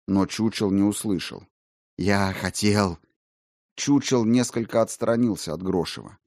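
A male audiobook narrator reading in an even, measured way. His voice sits a little low, and the recording is dry and close. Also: no echo. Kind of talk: scripted narration.

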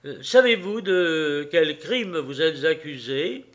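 A man doing a slow, probing magistrate. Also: a little high, expressive, fairly bright tone. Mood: probing, cold. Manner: slow, deliberate questioning. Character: cold, probing examining magistrate, middle-aged man.

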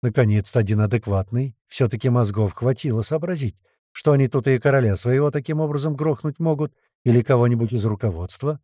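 A man's voice: mid-range voice, brisk, warm tone, no echo, studio quality. A man reading a first-person audiobook in a blunt, swearing storytelling manner. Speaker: audiobook reader.

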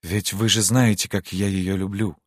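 An emotional young prince, pleading and earnest, as a male reader acts him out with a low voice pushed higher in his pleas. The sound is dry and close, as in a storybook recording. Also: lively intonation, moderate pace, no echo. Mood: bitter. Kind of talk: audiobook character reading.

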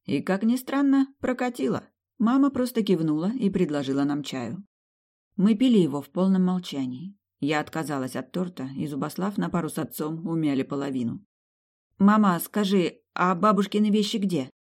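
A woman's voice: low voice, expressive, brisk, mellow. Woman reading a wry audiobook. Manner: wry, conversational storytelling. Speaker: audiobook narrator. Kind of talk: scripted first-person audiobook narration.

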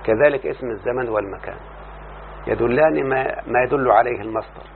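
A man with an Egyptian accent teaching a classroom lesson, explaining slowly and often checking that his students follow. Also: medium pitch, creaky. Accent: Egyptian Arabic. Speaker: teacher of Arabic morphology. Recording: tinny lo-fi line with faint hum.

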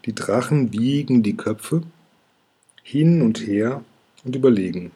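Man narrating with a dark breathy voice. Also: mid-range voice, lively intonation, takes it slowly. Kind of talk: children's audiobook narration.

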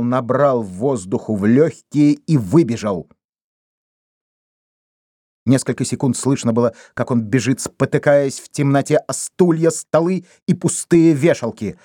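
A man narrating a novel in a steady, expressive reading voice. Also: mid-range voice, unhurried, dry recording, clean studio sound. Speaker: audiobook narrator. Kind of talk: scripted narration.

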